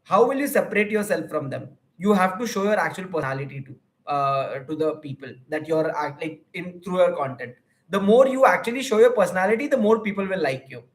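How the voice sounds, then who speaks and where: Speaking briskly in a high voice with lively intonation, a young YouTuber and counselor from India fields questions from livestream viewers. His Indian English comes out earnest and advice-heavy, with plenty of fillers and restarts.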